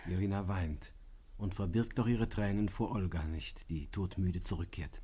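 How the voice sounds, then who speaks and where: Deep, dark-voiced male narrator. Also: moderate pace, slight background noise. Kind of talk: scripted narration of stage directions.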